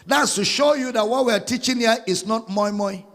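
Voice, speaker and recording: A man preaching a sermon as a pastor, singing out scripture lines and spelling words slowly. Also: extremely high pitch, a bit bright, long reverb tail.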